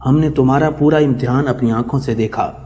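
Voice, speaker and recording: A man voicing the spirit of a departed father gently consoling his grieving daughter, in a reverberant recording with music behind. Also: mid-range voice, a little hiss or hum, close to an everyday voice. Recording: long reverb with background music.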